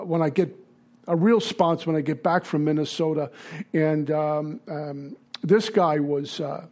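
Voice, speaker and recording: A man from Brooklyn with a Brooklyn accent, giving a blunt, halting personal testimony at a recovery meeting. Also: a little high, darkish tone. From Brooklyn, New York. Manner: blunt, halting, with many fillers.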